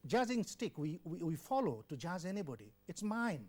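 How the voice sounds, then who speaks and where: Very animated and pitched high, an elderly Bangladeshi former health official talks at a moderate pace while recounting his life in an interview. He once served as a WHO country representative. Earnestly, he repeats words and acts out the conversations he recalls.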